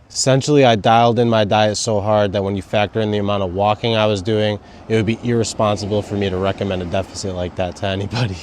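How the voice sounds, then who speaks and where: Low-voiced man vlogging, laid-back and slangy. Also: darkish tone. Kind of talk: casual vlog storytelling with tips. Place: outdoors in wind.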